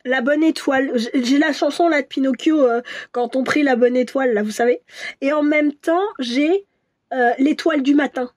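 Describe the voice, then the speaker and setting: A woman doing a casual tarot reading for viewers, musing and hesitant, with many restarts and soft asides. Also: sits high, moderate pace. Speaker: tarot reader.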